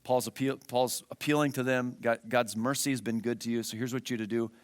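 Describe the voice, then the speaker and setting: A man's voice: mid-range voice, fairly even intonation, brisk, dry recording. Earnest male pastor preaching, dry sound. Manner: earnest, asks the listeners rhetorical questions; emphatic, repeats key phrases. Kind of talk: sermon. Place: church with a screen.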